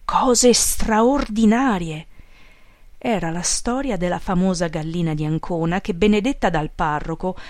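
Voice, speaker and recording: Low-voiced woman reading a story aloud. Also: darkish tone, no room sound. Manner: measured, wry storytelling. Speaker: narrator. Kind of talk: audiobook reading.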